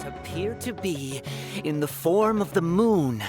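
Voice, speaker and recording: A woman voicing a musing, modest fortune reader in a video game, halting and cryptic in manner. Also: on the low side, lively intonation, over loud music. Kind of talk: video game character acting.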